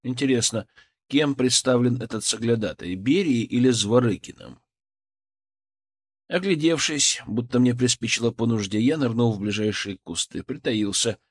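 A man reading scripted first-person narration in a steady, matter-of-fact way. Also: medium pitch, moderate pace. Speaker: audiobook narrator.

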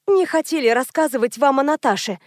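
A woman voicing a gentle, placating peacemaker woman. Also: high-pitched, lively intonation, a little fast, dry recording, clean studio sound. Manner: smooth, placating. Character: soothing middle-aged woman, gentle persuader.

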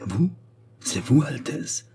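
A man's voice: mid-range voice, animated, normal speed, mellow, a little hiss or hum, lightly acted. A man voicing a hulking, brutish male servant who stammers and roars in pain. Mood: stammering. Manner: stammering, then roaring in pain.

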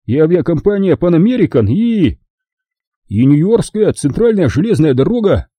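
A man's voice: on the high side, very animated, moderate pace, dark tone, slightly rough, no room sound, voice pushed up. A man voicing a cheeky, argumentative mover who complains indignantly.

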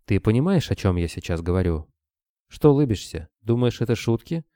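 A man's voice: lowish voice, fairly quick, dry recording, clean studio sound, voice pushed up. A man doing a worried bearded older man. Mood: wary. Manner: anxious, excitable.

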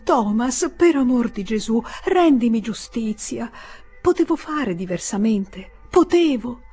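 A woman's voice: fairly high pitch, lively intonation, a little slow, dark tone, slightly rough, soft background music, pitched above the performer's own voice, heavily acted. A woman voicing an elderly widowed mother who pleads defensively and tearfully. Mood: pleading.

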